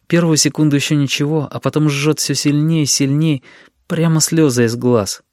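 Male audiobook narrator, gentle even storytelling, dry close recording. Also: on the high side, normal speed, no echo.

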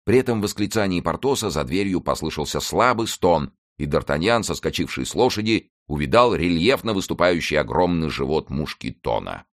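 A man narrating a classic adventure novel as an audiobook, measured and expressive. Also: low voice.

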